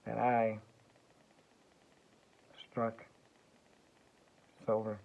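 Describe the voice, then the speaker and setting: A man drifts through a rambling vlog monologue, pausing and restarting as he goes. His voice sits low and crackles with gravel, and the sound is thin and tinny like a phone. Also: completely flat delivery. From United States. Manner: slow, meandering, halting with fillers and restarts.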